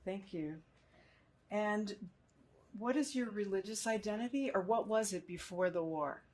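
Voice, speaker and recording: A woman's voice: medium pitch, darkish tone. Formal woman interviewer. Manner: measured, formal questioning. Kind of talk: oral history interview.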